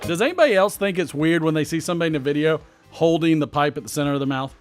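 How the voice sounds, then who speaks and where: A man's voice: a little high, racing, faint music behind. A man hosting a livestream in a casual, chatty, jokey way, talking straight to his viewers. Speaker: live stream host.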